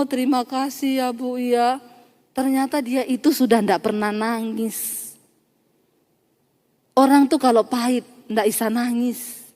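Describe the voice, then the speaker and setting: Woman pastor, high voice, animated storytelling sermon, long hall echo. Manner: animated, addresses congregation as Saudara, acts out dialogue. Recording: long church hall reverb.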